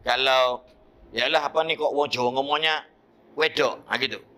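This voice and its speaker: A male preacher with a Malaysian Malay accent delivering a mosque sermon through lively storytelling and acted-out voices. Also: mid-range voice, moderate pace.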